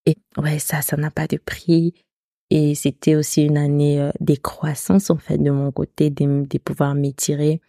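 A woman's voice: low voice, little pitch movement, unhurried, creaky, warm tone, dry recording, studio quality. A woman hosting her own podcast with a non-standard French accent, chatting casually and hesitantly, with many restarts. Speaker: podcast host. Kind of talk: casual solo podcast talk.

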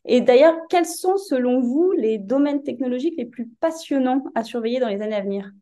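Woman host, warm low-key tone, nods along, asks follow-ups with some stumbles. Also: lively intonation. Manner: affirming, quick agreement, hesitant restarts. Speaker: podcast host. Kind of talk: interview conversation.

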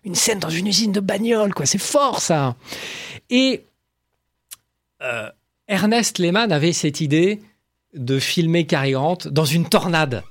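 A man giving enthusiastic film commentary, animated and full of exclamations and quick asides. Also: sits high.

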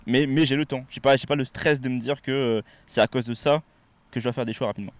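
Man, podcast co-host, quick pace, medium pitch, casual chat, code-switching. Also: no echo. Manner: relaxed, switches between French and English mid-sentence.

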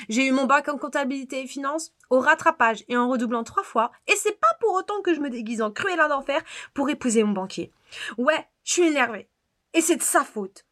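A woman's voice: high-pitched, fairly bright tone. A woman in her thirties reading a scripted, sarcastic film review for a podcast. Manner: sarcastic, exasperated. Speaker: podcast contributor.

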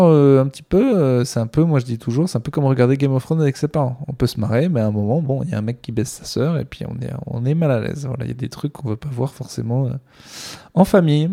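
A man's voice: medium pitch, gravelly, dark tone. A man, a stand-up comedian, talking alone on his podcast in a rambling, sardonic way with many fillers. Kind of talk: casual solo podcast monologue.

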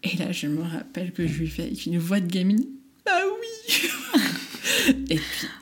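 A woman's voice: lowish voice, steady tone, fast talker, a little mellow, husky. A woman in her thirties telling a personal story candidly and with animation, acting out the voices in it and laughing often.

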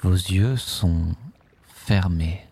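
A man leading a guided sleep meditation, speaking softly and calmly in drawn-out phrases with long pauses. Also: low voice, gravelly, husky. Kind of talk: slow guided relaxation script.

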